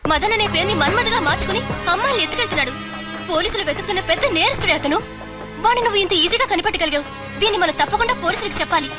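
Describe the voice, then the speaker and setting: A woman's voice: very high-pitched, animated, rapid-fire, over loud music. An actress playing a worried young woman who urgently warns her friend. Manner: urgent, insistent.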